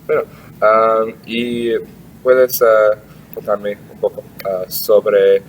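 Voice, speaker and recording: A man asks interview questions very slowly, stalling on "ah" and searching for his words. His voice is somewhat low. He is recorded from a distance, with faint noise behind him. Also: fairly even intonation. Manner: very halting, constant "ah" fillers, searching for words.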